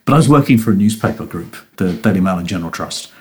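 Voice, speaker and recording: A middle-aged man, talking casually as a podcast guest. His voice sits a little low, and he tells his stories in a self-deprecating way, restarting his sentences often and laughing at himself. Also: animated, fast. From New Zealand. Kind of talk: casual interview chat.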